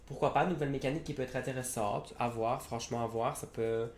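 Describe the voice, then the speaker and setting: A man's voice: medium pitch, fairly even intonation, quick pace. A young man reviewing trading card game products in a casual, hesitant way, with frequent fillers and self-corrections. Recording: roomy echo, faint background noise.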